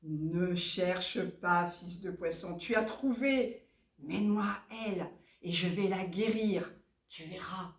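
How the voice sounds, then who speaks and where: A woman voicing a sly crow who pretends to be a healer, smooth and coaxing, in a roomy, distant recording. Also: lowish voice, slow pace.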